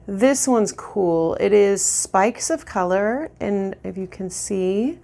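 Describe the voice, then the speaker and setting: Creaky-voiced woman teaching a lash tutorial. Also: medium pitch, takes it slowly. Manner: chatty, relaxed, many ums and restarts. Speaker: lash artist instructor. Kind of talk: casual tutorial demonstration.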